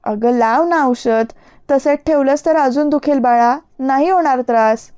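A woman voicing an affectionate young sister-in-law who coaxes and scolds softly in an audiobook story. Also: sits high, a little slow, clean tone. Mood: coaxing.

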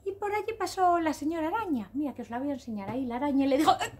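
A woman telling a story to children in an expressive, sing-song, repetitive way. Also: high voice, rapid-fire.

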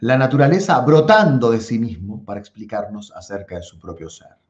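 A man's voice: medium pitch, reverberant, dull audio. A man with a Rioplatense Spanish accent giving an online philosophy lesson, drawing out key words for emphasis and checking in with "¿sí?" and "¿tá?". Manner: animated, drawn-out emphatic stresses, frequent "¿sí?" and "¿tá?" check-ins. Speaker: philosophy teacher. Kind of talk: online lecture.

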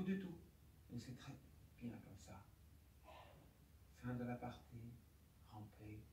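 A man, a doctor, gives a personal testimony talk at a conference, speaking haltingly with aphasia and often repeating his words. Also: mid-range voice, a little hiss or hum. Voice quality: speech marked by aphasia. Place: conference room. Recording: roomy hall, distant mic, faint ambience.

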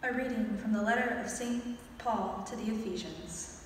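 A woman reading scripture aloud as a lector at a pulpit microphone, in a deliberate, formal way. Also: medium pitch. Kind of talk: scripture reading and responsorial psalm. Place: indoor church sanctuary, at the lectern. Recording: echoey church, far from the mic, faint noise.

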